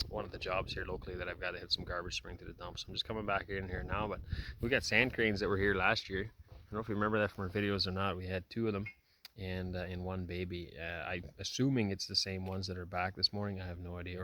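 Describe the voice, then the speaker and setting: A man's voice: low voice, pushed and bright, slight background noise. A man chatting casually to the camera as he walks around his homestead, rambling with lots of "uh" fillers. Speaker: homesteader vlogger. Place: outdoors on a farm, then indoors in a house. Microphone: handheld camera.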